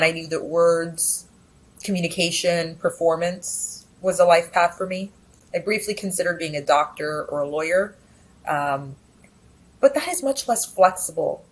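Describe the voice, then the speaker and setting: This Texas business editor, raised speaking Spanish at home, talks reflectively as a guest in a conversational interview, often using fillers and restarting sentences. Her voice is lowish and slightly rough, at a normal speed, on a low-quality recording.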